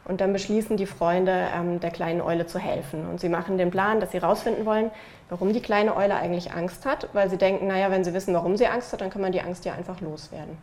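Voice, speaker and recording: A woman telling a children's animal story from a picture book in a relaxed, conversational way, with frequent fillers. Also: on the low side, fast talker. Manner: speaks the animals' lines in her own voice.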